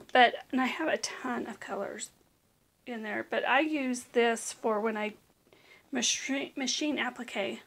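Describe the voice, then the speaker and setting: Middle aged american lady, kinda high voice but hoarse n raspy, half losing it to a whisper, just chatting thru a room tour. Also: fairly bright tone, a little hiss or hum. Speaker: vlog host. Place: small room at home, indoors.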